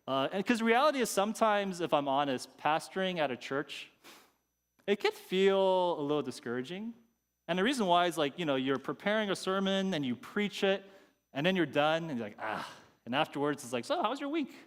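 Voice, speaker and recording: A pastor giving a conversational sermon, sometimes acting out people's inner thoughts. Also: male voice, fairly high pitch, expressive, brisk, clean tone, in a large hall. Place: church sanctuary.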